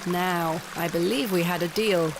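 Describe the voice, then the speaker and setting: A woman's voice: lowish voice, a little slow, noisy background. A woman voicing a wry, independent, curious lady antiquarian in a video game, articulate and self-possessed. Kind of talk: video game protagonist monologue.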